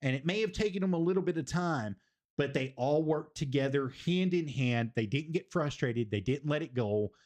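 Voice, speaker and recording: A man's voice: on the high side, animated, normal speed, darkish tone. A man, hosting a casual wrestling review stream and rambling, repeating phrases for emphasis. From Tennessee, US. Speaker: stream host.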